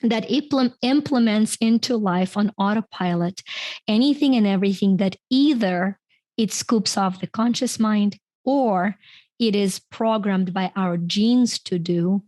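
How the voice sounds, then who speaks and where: This author and coach, a middle-aged woman from Ukraine, appears as a podcast guest and recounts her story in a chatty, interview-style way, frequently laughing partway through sentences. Her medium-pitched voice is unhurried and a little mellow, captured dry.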